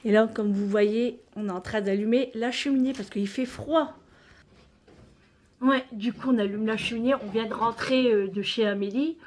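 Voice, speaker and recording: In a relaxed, chatty home vlog, a French woman shows her followers around, talking at normal speed in a slightly high voice while out of breath. She keeps calling her viewers friends as she chats casually to them.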